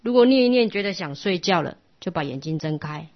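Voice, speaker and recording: A middle-aged woman, giving a patient, instructive Buddhist class lecture that often drops to a soft hush. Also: on the low side, expressive, a little fast. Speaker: Buddhist teacher. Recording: lo-fi muffled recording.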